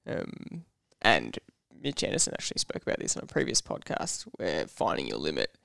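A man's voice: rumbling low, huge pitch swings, normal speed, vocal fry, fairly bright tone, no room sound, studio quality. A man hosting a podcast, asking questions casually and stumbling over his words. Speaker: podcast host.

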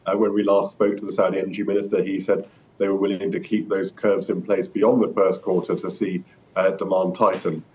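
A man speaking as an interviewed energy expert, explaining in a measured way with some hesitant repeats. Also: little pitch movement, a little mellow. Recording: muffled remote line with rumbling noise.

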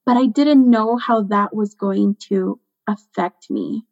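A young woman from Guatemala recounts her own story as a podcast guest. She speaks slowly and earnestly, with a reflective tone. The sound is a bit dull and lo-fi. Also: mid-range voice, darkish tone. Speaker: guest, budget coach. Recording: muffled lo-fi sound.

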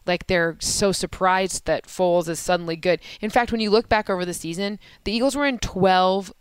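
A woman co-hosting a casual football chat, running through stats quickly, correcting herself mid-sentence and laughing easily. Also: lowish voice, smooth, no echo. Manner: rapid stat-heavy analysis, laughs easily, self-corrects. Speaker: sports podcast co-host and analyst. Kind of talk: casual sports analysis chat.

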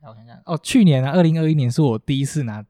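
A young man speaking talks fast in a somewhat high, mellow voice. He chats casually and pokes fun at himself. The sound is close and dry. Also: expressive, no room sound. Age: young adult. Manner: quick, laughing, self-mocking. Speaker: departing intern. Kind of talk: casual podcast chat.

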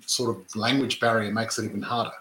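A podcast co-host and real estate investor from Adelaide, Australia, whose first language wasn't English because his parents were immigrants, chats casually, often restarting and tagging points with "right?". His fairly low voice is fast, steady and sharp, on a reverberant, poor recording with slight background noise.

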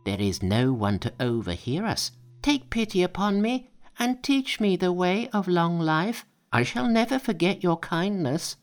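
A high-pitched, earnest monkey disciple from an old fable, voiced by a male storyteller. He speaks humbly and eagerly, his voice lifted well above the reader's own in a strained, unfamiliar tone. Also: sing-song, unhurried. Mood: pleading.

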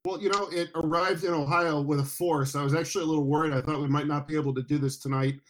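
A man hosting a podcast from home in a relaxed, chatty way with frequent fillers. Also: fairly high pitch, fast talker, slight background noise. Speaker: podcast host. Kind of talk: casual podcast chat.

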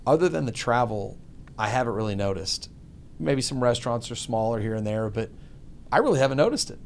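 A man from Texas hosts a relaxed conversation, telling stories with energy and acting out other people's lines. His voice sits at a middling pitch, and faint noise runs under the recording. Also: a little fast, creaky. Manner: animated storyteller, mimics voices. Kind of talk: casual chat.

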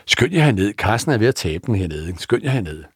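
A man voicing a young man hurriedly shouting into a payphone. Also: lowish voice, big pitch swings, breathy edge, dry recording, studio quality. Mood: urgent.

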